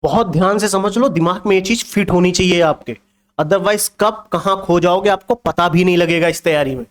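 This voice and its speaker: A man's voice: high-pitched, moderate pace. A man teaching exam preparation, lecturing emphatically and firing rhetorical questions at his students. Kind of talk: motivational exam-prep lecture.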